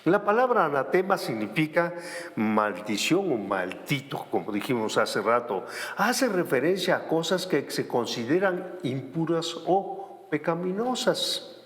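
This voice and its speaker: A man preaching a sermon, animated and given to sarcastic asides. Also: on the high side, measured pace, long reverb tail.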